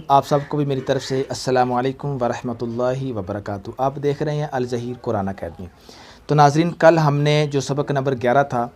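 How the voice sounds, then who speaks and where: A man with a Pakistani Urdu accent teaching a Quran reading lesson, patiently spelling out sounds slowly and often checking that the student follows. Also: medium pitch, darkish tone, a little hiss or hum. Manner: patient, repeats checks like "okay?", slow drawn-out spelling for the child to echo. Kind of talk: recorded online reading lesson.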